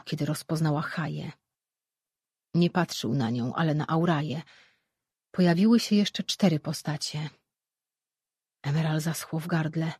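An audiobook narrator reads a fantasy novel at an even, measured pace. The mid-range voice has a slightly husky grain. The recording is close and dry, made in a dead studio booth. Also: medium pitch, no echo. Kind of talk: scripted narration.

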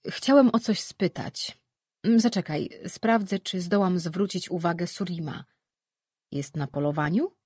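A reader voicing Mirar, an ancient immortal man, earnest and measured, in a fantasy audiobook. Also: mid-range voice, a little mellow, slightly rough, dry recording, studio quality.

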